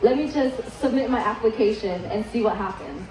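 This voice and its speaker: Speaking briskly in a high-leaning, darkish voice, this keynote speaker is a young woman from Vietnam whose first language is Vietnamese. She tells her story openly and informally, peppered with "ums" and "likes," in an event hall full of echo.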